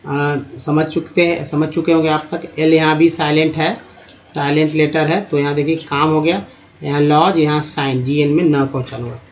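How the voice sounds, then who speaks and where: A man's voice: fairly high pitch, flat delivery, normal speed. A man teaching English reading in a Hindi-language phonics lesson, steadily spelling out letter groups and repeating their sounds. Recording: dull lo-fi recording.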